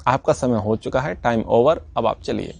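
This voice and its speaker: A man's voice: mid-range voice, moderate pace, gravelly, darkish tone, slightly rough. A man voicing a stern, curt messenger of death. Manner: curt, firm refusals.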